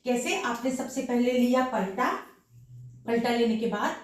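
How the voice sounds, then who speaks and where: A woman with a slightly hoarse voice from a sore throat leads a dance lesson, counting beats aloud as she shows each step. Her voice sits a bit high and reaches the mic from across a very echoey room. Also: unhurried, far from the mic. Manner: counts beats aloud while demonstrating moves. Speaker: dance teacher.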